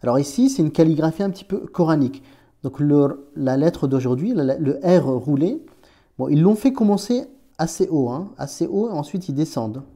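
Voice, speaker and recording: A man's voice: on the high side, expressive, moderate pace, dark tone. A man teaching Arabic letters in a chatty, informal way, talking straight to the learner with many restarts. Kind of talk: informal screen-recorded lesson.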